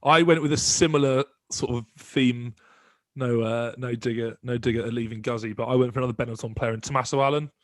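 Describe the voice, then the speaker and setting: Fast-talking guy cohosting a sports podcast, chatty, keeps restarting, dry close mic. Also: mid-range voice, steady tone, no room sound. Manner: quick, chatty, many restarts. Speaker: podcast co-host. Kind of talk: casual podcast chat.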